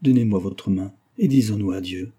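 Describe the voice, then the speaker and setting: A man voicing a gentle, compassionate young woman, speaking calmly and soothingly in an audiobook. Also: fairly low pitch, moderate pace, husky. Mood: tender. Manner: calm and soothing. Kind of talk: audiobook reading.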